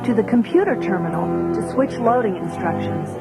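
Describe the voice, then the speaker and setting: An actress playing a composed, commanding rebel princess who leads a mission. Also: female voice, mid-range voice, animated, fairly quick, natural voice, poor audio. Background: music.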